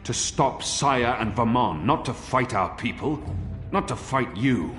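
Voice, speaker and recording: An actor playing a defiant, earnest young apostle turned rebel in a video game, intense and principled. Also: male voice, medium pitch, lively intonation, a little slow, fairly bright tone. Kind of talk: dramatic video game acting. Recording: echoey hall with music.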